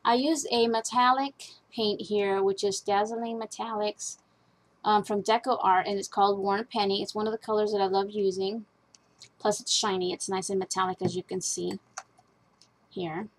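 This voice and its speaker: A woman's voice: mid-range voice, steady tone, normal speed, rough recording. A woman talking casually at her craft desk, chatty and rambling with fillers as she walks through a project. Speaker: craft vlogger.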